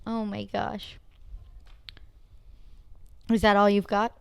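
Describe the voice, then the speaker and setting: A woman's voice: medium pitch, monotone, slow pace, creaky, clear, resonant tone, no room sound. Teasing young woman hosting a chat. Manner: teasing, laughing. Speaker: podcast host interviewing her father. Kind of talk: casual chat.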